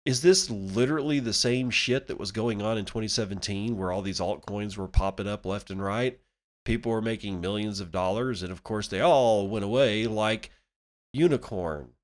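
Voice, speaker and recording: A man's voice: on the low side, moderate pace. A man hosting a podcast solo, talking casually in a blunt, irreverent, sweary way. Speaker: podcast host.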